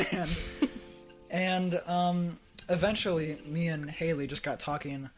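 A man's voice: on the high side, level tone, takes it slowly, soft background music. A young man hosting a casual podcast chat, rambling with fillers and laughing often. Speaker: podcast host.

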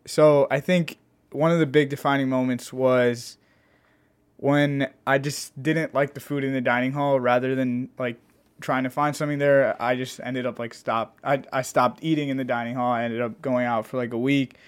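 A man's voice: medium pitch, level tone, moderate pace, smooth. A young adult man co-hosting a casual podcast, chatting in a garage. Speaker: podcast co-host.

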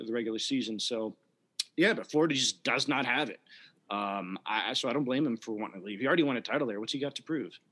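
A man with a middling pitch, talking sports on a casual podcast. He is opinionated and wry, and he gets animated when he makes a point. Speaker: podcast co-host.

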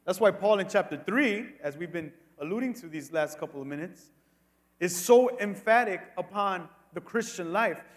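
Male preacher, high register, emphatic and conversational sermon delivery, long room reverb. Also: expressive, normal speed. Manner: emphatic, with rhetorical questions and repeated phrases; colloquial asides, acting out dialogue. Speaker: pastor preaching.

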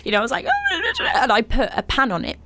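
A woman's voice: fairly high pitch, a little fast. A woman, chatting on a podcast and telling a story with lots of energy and laughter. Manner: animated storyteller, laughs often. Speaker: podcast co-host. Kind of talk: casual chat.

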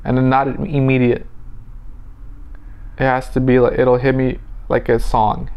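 Brief: male podcast co-host, mid-range voice, halting casual banter, muffled lo-fi recording. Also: medium pitch, little pitch movement, smooth. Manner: rambling, halting, joking. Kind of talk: casual couple chat.

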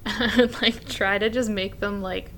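A woman co-hosting a podcast, a teacher chatting casually, animated and laughing often as she acts out what she said. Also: mid-range voice, slow, a little hiss or hum. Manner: animated, laughs often, acts out her own past remarks. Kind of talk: casual chat.

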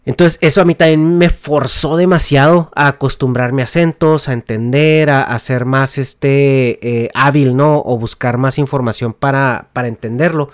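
A man's voice: medium pitch, steady tone, moderate pace, hardly any pauses, dry recording, studio quality. A man with a Mexican Spanish accent, hosting a podcast and explaining things casually with slang, fillers and restarts. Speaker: podcast host.

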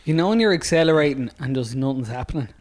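An Irish man chatting casually and telling anecdotes in an animated way. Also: mid-range voice, fast talker. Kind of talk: casual chat, animated storytelling.

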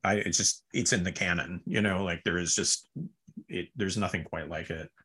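A man's voice: low voice, steady tone, moderate pace, pushed and bright, breathy edge. A man, a record label founder, telling long casual stories in an interview, full of fillers and asides. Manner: rambling anecdotes with frequent fillers and laughs.

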